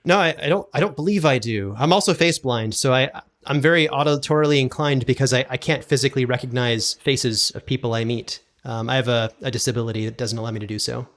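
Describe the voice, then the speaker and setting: A man appears as a guest on a casual interview podcast, describing himself as an audio drama producer and sound designer. He talks fast in a medium-pitched, slightly bright voice with hardly any pauses, often doubling back and hesitantly repeating words.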